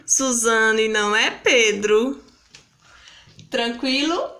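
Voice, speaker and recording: A Brazilian woman teaching young children in a recorded lesson. She speaks slowly and patiently in a sing-song teacher's voice, set a little high. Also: bright, forceful tone. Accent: Brazilian Portuguese. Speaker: primary school teacher.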